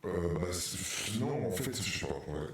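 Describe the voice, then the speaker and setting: A man chatting casually on a live stream through a voice changer that makes his voice deeper and adds reverb, fiddling with his setup as he talks. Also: animated, a little slow. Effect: voice changer making the voice deeper, with heavy reverb. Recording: heavy artificial reverb, faint noise.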